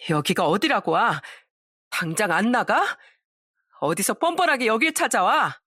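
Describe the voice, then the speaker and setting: Woman doing a furious cheated-on wife yelling at her husband, dry voice, radio story. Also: mid-range voice, expressive, measured pace, husky, dry recording. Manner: sharp, shouting accusations.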